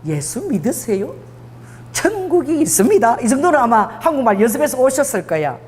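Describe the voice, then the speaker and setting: A middle-aged woman pastor with a Busan accent preaching a sermon, telling stories animatedly and acting out dialogue. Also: a little high. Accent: Busan dialect. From Busan, South Korea. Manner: animated storytelling, acts out dialogue, laughs often. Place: church sanctuary. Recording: long hall reverb.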